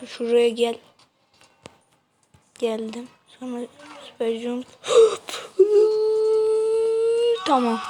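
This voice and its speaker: A woman with a fairly high voice talks slowly and casually over a game, breaking into dramatic cries and wails as her character keeps falling. The recording carries a clear layer of background noise. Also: rough recording. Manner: dramatic yelps and wails at each fall, slow chatty talk. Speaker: gaming video host. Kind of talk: casual gameplay commentary.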